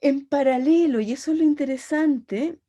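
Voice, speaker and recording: A woman's voice: sits high, moderate pace, warm tone, highs cut off. A woman teaching a pastoral Bible course, retelling gospel scenes with dramatic storytelling.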